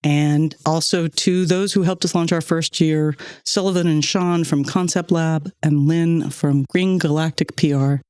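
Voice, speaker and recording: A woman's voice: sits low, steady tone, unhurried, hardly any pauses, a little mellow, clear, resonant tone, dry recording, studio quality. A woman hosting a podcast in casual chat, talkative and grateful, laughing often between thoughts. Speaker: podcast host and producer. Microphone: studio microphone.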